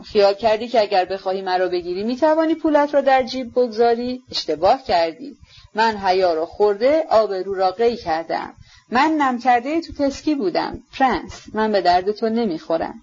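A woman's voice: mid-range voice, a little mellow, highs cut off, close to an everyday voice. A woman voicing a proud, bitter and reckless young woman with a scornful, mocking manner, in an audiobook. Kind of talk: audiobook character reading.

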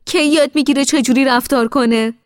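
A woman reading a story voices a bitter, irritated adult brother who scolds loudly and sharply, with long reverb on her voice. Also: fairly high pitch, lively intonation, studio quality, pitched above the performer's own voice, natural voice. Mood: exasperated scolding. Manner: loud, scolding, exasperated.

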